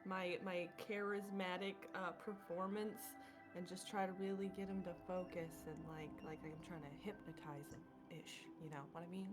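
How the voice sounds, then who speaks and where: A woman's voice: on the low side, steady tone, normal speed, music in the background. A woman playing a tabletop game, talking in a chatty, rambling, playful way. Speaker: player. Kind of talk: casual tabletop play.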